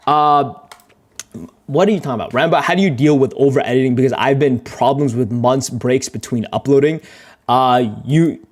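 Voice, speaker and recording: At a moderate pace, a young adult video creator streams his editing and talks casually throughout. He tends to ramble and make fun of himself, with occasional swearing and frequent laughter, and his voice lifts in pitch and volume during his stories.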